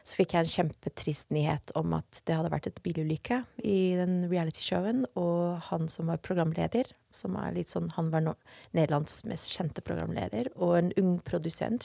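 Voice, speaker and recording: Woman, interview guest, animated storyteller, fillers, gravelly voice, lowish pitch. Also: no echo, clean studio sound. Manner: animated storyteller acting out quotes; frequent fillers and laughter.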